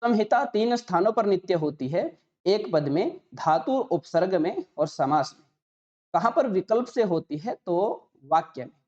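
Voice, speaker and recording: A woman teaching Sanskrit grammar in an explanatory lesson. She breaks words into single sounds and repeats examples slowly. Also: medium pitch, expressive, dark tone. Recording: slightly dull, muffled recording.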